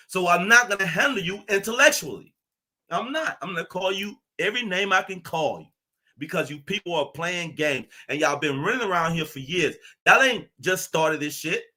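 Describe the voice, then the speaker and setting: High-voiced man on a profane, angry rant. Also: sharp tone. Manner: ranting, profane, confrontational, repeats phrases. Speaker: channel host. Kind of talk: angry monologue to camera.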